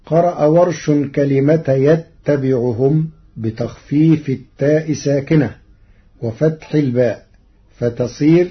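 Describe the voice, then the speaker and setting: A man presenting a formal scripted lesson on reading variants, measured and deliberate, slowing to intone the quoted verses. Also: a little high, slightly rough, lo-fi sound.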